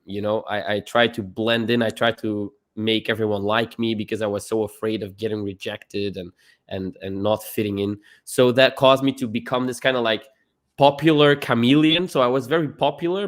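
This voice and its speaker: A young Belgian man appears as a guest on a live stream, speaking earnestly and casually in a mid-range voice. He often repeats words as he begins a sentence.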